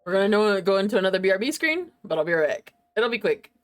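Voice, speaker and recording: This woman talks fast in a mid-range, sing-song voice over soft background music. She hosts a game livestream, chatting playfully and casually with her viewers and herself, often giggling.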